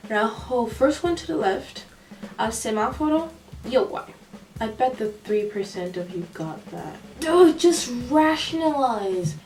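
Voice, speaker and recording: A woman's voice: fairly high pitch, slight background noise. Playful sarcastic young woman vlogging. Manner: playful, sarcastic, animated asides. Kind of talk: personal vlog monologue. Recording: echoey room, mic at a distance. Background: faint jazz music.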